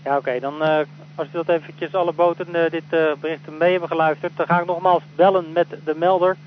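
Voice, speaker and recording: A man's voice: on the high side, flat delivery, fairly quick. A man working as a rescue coordinator on a marine two-way radio, relaying details hesitantly with many filler sounds in formal radio procedure. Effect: heard over a marine two-way radio. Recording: muffled radio channel with faint noise.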